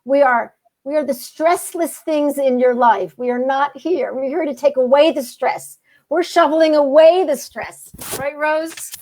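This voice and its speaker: A woman's voice: high-pitched, measured pace, darkish tone. A woman hosting a casual group discussion over a video call, talking with enthusiasm, repeating herself and joking. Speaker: host.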